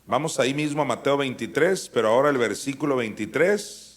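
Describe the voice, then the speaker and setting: A mid-pitched man teaching scripture verse by verse. He keeps it conversational, puts questions to his listeners, then pushes his voice up into emphatic peaks. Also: animated, fairly quick. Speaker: apostle teaching a Bible school.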